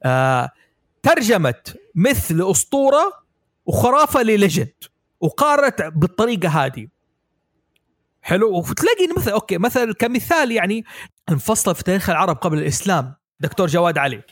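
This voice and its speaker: A man hosting a podcast, explaining ideas in a lively way and asking his guests for their views. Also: high voice, a little fast, no echo, studio quality. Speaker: podcast host. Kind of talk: casual podcast discussion.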